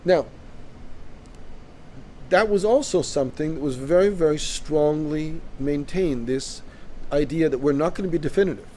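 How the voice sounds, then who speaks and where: Canadian man, co-host type, talks emphatically and keeps asking "right?", warm higher voice, light noise behind. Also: moderate pace, long pauses. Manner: emphatic, interjects with repeated "right?". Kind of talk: casual discussion.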